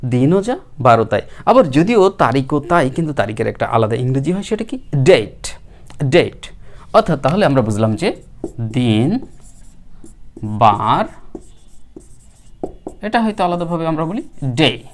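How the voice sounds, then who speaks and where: A male teacher giving a spoken English lesson, who patiently repeats words slowly for learners. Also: mid-range voice, very animated.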